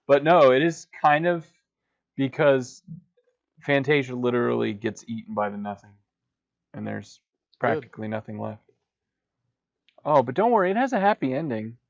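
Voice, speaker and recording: A man's voice: mid-range voice, expressive, moderate pace, gravelly, dry recording. A man co-hosting a podcast, riffing sarcastically on a movie with rambling jokey asides. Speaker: podcast co-host. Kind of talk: joking movie riff commentary. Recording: dull lo-fi dry sound.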